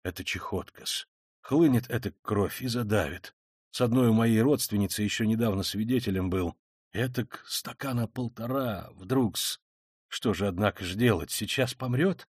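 A man reading an audiobook voices a solemn, gentle male official of about fifty who speaks low, hushed and mumbling. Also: big pitch swings, normal speed, husky, no room sound, clean studio sound. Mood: muttering.

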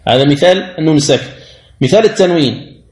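Male tajwid teacher, fairly high voice, deliberate and patient, echoey room. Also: lively intonation, a little mellow. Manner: slow, deliberate explanation with drawn-out recited examples. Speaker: Quran recitation teacher. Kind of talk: tajwid lesson commentary.

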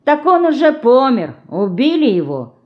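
A woman voicing a rough, mocking teenage street boy who taunts and threatens, read in an audiobook. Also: high voice, very animated, moderate pace, dull audio, pitched above the performer's own voice. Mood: sly, taunting. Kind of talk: audiobook character reading.

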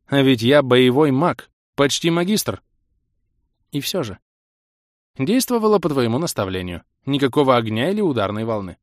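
A man voicing a sly, sharp-tongued woman battle mage in an audiobook, with a mocking manner. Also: medium pitch, dry recording, clean studio sound, lightly acted. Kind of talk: audiobook character voice.

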